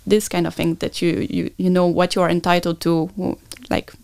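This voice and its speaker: A woman's voice: on the low side, little pitch movement, moderate pace, gravelly, darkish tone, no room sound. A native French-speaking woman with a French accent, explaining things earnestly as a guest in a conversational interview. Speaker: podcast guest, maternity consultant.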